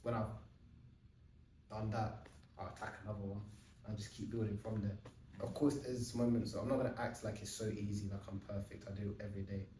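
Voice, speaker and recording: A man's voice: lowish voice, flat delivery, brisk, mellow, a little hiss or hum. A young man hosting a casual podcast chat, talking eagerly and at length with lots of fillers. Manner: chatty, eager, explains at length with many fillers. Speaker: podcast host. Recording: roomy sound from a distant mic.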